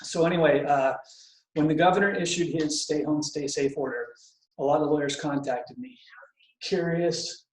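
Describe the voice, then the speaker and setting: A man's voice: on the high side, steady tone, moderate pace. A man giving a casual spoken presentation on professional duties as a bar counsel, chatty and digressive, a speaker who admits he tends to ramble. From Vermont. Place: home garage. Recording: echoey garage.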